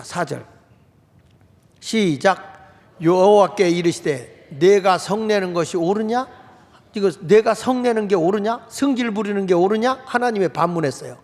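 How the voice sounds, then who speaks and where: High, gravelly man preaching in a hall. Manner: animated preaching, acts out quoted outbursts, asks the congregation questions. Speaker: pastor. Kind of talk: sermon. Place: church sanctuary. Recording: long reverb of a church hall.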